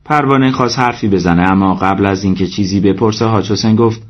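A man reading a story aloud as narrator, steady and measured. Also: on the low side, lo-fi sound. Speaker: audiobook narrator. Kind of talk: scripted narration.

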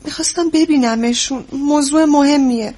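A woman's voice: sits high, dark tone, natural voice. An actress playing an anxious young woman who pleads for help about her mother. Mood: worried. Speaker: worried daughter visiting a clinic.

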